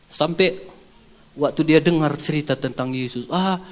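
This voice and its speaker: A male pastor preaching a sermon, animated and acting out scenes. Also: normal speed. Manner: animated, acting out scenes with big pitch swings.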